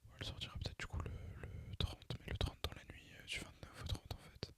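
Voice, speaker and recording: A young Frenchman whispers intensely and fast, his voice fully unvoiced. As an ASMR gaming creator, he rambles casually over gameplay in a relaxed, slangy, hesitant way.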